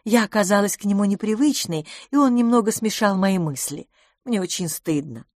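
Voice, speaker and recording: A woman voicing a flustered, anxious middle-aged governess in an audiobook, her pleading lines rising high. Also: animated, normal speed, a little mellow, no room sound, clean studio sound, close to an everyday voice. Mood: apologetic. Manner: agitated, pleading, rising pitch.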